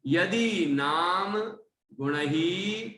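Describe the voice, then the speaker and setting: A man teaching scripture, chanting verses slowly and then explaining pronunciation and meaning, often checking in with listeners. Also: high voice, animated, bright, forceful tone. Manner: frequent "theek hai" checks with listeners. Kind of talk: recitation and line-by-line teaching. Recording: echoey room, voice from a distance, faint background noise.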